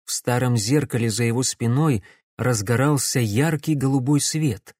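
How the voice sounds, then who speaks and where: In a dry, studio-quality recording, a man of medium pitch reads scripted narration for an audiobook. His storytelling is even and measured.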